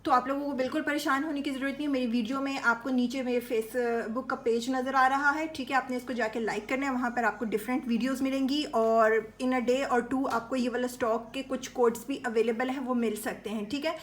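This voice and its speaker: A woman's voice: high voice, fairly even intonation, fairly quick, hardly any pauses. A woman gives a step-by-step dress design tutorial in a chatty way. She often stops to check in with her viewers. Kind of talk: instructional sewing tutorial.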